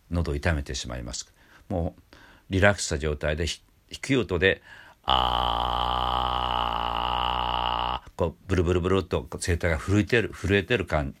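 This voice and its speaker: An older Japanese man teaching a singing lesson, explaining calmly with many fillers and small restarts. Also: low voice. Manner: explains calmly, breaking off to demonstrate sounds. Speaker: voice trainer. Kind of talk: vocal lesson with demonstrations.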